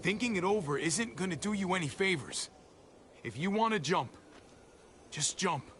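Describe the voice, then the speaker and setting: An actor playing an anxious, placating younger brother among survivors in a dramatic video game. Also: male voice, high voice, animated, normal speed, fairly bright tone, a little hiss or hum. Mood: wary. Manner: pleading, placating.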